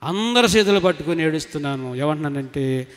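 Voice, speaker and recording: A middle-aged man giving an emotional testimony to a church congregation, swinging between loud emphatic cries and soft low asides. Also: lively intonation, fairly quick. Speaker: testimony speaker at a church retreat. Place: church hall. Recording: long reverb of a large hall.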